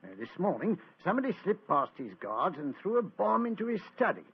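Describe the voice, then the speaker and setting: An actor playing a plain-spoken police inspector in an old radio drama, blunt and folksy. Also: male voice, high voice, very animated, a little fast, breathy edge, full character voice. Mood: businesslike. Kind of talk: 1940s radio drama acting. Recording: muffled old radio broadcast.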